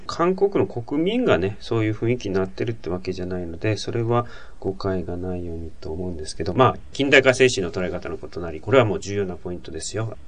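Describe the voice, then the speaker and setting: Male talk host, quick and animated delivery, explanatory chat. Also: lowish voice. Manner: explanatory, lively, reads listener messages. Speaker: radio show host. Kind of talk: casual talk show explaining language.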